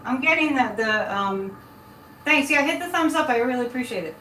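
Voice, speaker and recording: Chatty psychic lady on a livestream, rambly, bright voice, echoey and kinda far from the mic. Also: high voice, lively intonation, moderate pace. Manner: rambling, breaks off mid-thought, chatty. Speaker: live show host and psychic. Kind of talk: casual live chat with viewers, giving psychic impressions. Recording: echoey room, distant mic, faint noise.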